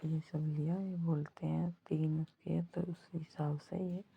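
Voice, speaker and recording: A woman vlogger narrating her pilgrimage walk in a soft, devout way. She has a husky, strained voice from ongoing throat trouble. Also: low-pitched, level tone, highs cut off, heavy background noise. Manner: slow, soft-spoken and devout. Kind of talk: travel vlog voice-over.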